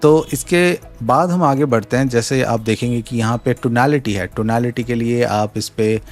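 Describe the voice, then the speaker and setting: A man explains a microphone setup step by step in a relaxed demo tone, slipping English phrases into his talk. His voice sits at an ordinary middle pitch. He talks into a desk mic in a home room, with faint music underneath. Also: normal speed. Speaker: tech reviewer. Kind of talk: casual product demo. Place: home room with a fan running. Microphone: studio USB mic at varying distance.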